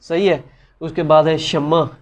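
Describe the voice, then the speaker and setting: A man's voice: fairly high pitch, flat delivery, measured pace. A man giving a casual spoken lesson, patiently explaining and repeating each word many times, with many fillers. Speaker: language teacher. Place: side room with noise around.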